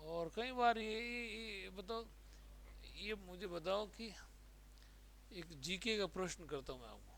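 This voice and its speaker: A man's voice: sits high, slow pace, pauses often, fairly bright tone, a little hiss or hum. A man with a Rajasthani Hindi accent teaching a Hindi exam-prep class, drilling words by repeating them and quizzing his students.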